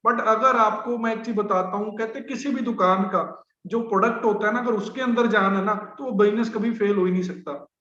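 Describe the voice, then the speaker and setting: A man's voice: high voice, bright, forceful tone. A man gives a business training talk, speaking conversationally with many fillers. The recording is roomy and dull.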